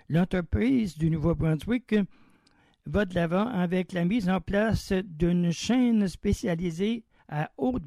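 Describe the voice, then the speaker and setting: Guy on the radio, kinda high but mellow voice, chatty, dry studio sound. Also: vocal fry, no echo, low-quality recording. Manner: chatty, reads a news item then comments loosely. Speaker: radio host. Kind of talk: casual radio presenting.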